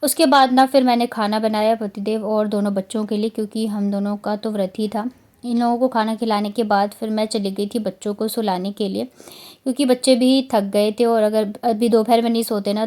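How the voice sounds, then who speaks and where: A woman's voice: fairly high pitch, warm tone. A woman in her thirties from Bihar, narrating her home vlog in a chatty, rambling way with many fillers. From Bihar, India. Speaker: vlogger. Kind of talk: casual vlog voice-over narration.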